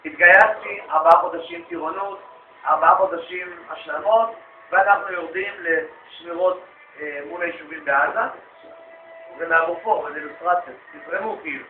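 Male lecturer, higher-pitched voice, spins anecdotes and plays out the dialogue, recorded lo-fi and phone-like. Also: echoey room, slight background noise. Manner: lively anecdotal storyteller, acts out quoted dialogue. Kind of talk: storytelling lecture to an audience.

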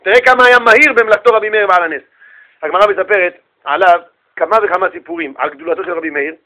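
A man telling Talmud stories in a folksy, colloquial sermon, with lively slangy asides. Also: high-pitched, rough recording.

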